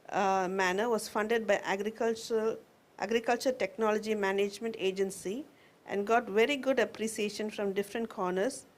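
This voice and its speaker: A woman formally reading out a scripted introduction as an event host. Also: fairly high pitch.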